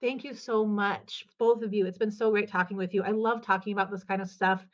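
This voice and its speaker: A woman's voice: mid-range voice, fairly even intonation, brisk, muffled recording. A woman guest, a business coach, talking in a casual podcast chat with an upbeat, emphatic, motivational manner.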